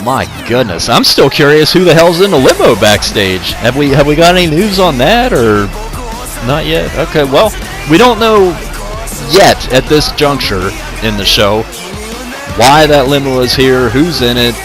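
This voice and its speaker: Excitable man calling wrestling play-by-play. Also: on the high side, unhurried, over music. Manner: excitable, shouting at big moments, addresses viewers as folks. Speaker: gaming video creator. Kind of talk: wrestling play-by-play commentary over gameplay.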